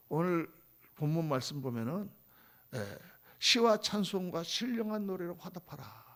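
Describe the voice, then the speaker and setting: A male pastor preaching a sermon at a dawn prayer service, swinging between loud emphatic lines and soft hushed ones, and acting out the people he quotes in conversational asides. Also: a little high, creaky. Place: church sanctuary.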